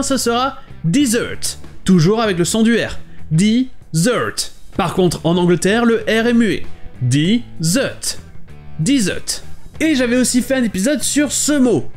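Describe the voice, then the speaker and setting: A man teaching English pronunciation in a lively, explanatory video lesson. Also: high-pitched.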